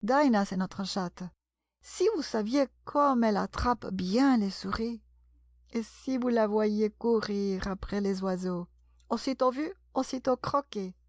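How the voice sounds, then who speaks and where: A woman's voice: on the high side, takes it slowly, a little mellow, no room sound, clean studio sound. Woman doing an eager young girl. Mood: chatty. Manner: eager, apologetic.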